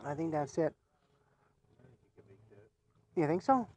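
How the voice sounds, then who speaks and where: A man's voice: on the high side, animated, takes it slowly, darkish tone. A man giving casual live commentary on a pool match. He chats, laughs often, and stumbles over repeated words.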